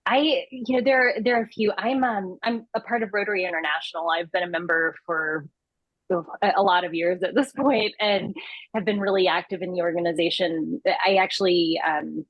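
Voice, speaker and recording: Speaking at a moderate pace in a fairly low voice, a woman in her thirties appears as an interview guest in her role as a customer insights lead. The audio is dull, with no echo. Her speech is hesitant, full of fillers and restarted sentences.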